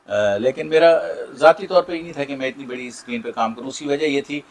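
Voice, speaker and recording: A middle-aged actor with a Saraiki accent, answering interview questions in a warm, grateful way with many pauses. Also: male voice, medium pitch, a little hiss or hum. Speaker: Saraiki drama and film actor.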